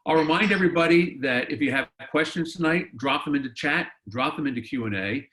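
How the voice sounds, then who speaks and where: A man's voice: fairly high pitch, fairly quick, a bit bright, rough recording. A man hosting a webinar, introducing a guest speaker in a rambling way with many fillers, over a video call. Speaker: webinar host.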